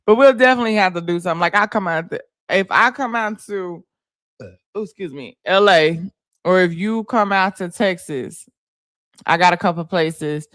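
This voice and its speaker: A woman hosting a livestream, telling stories in a loud, laughing, profane way. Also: fairly low pitch, normal speed, no room sound, clean studio sound. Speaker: livestream host. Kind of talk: casual livestream chat.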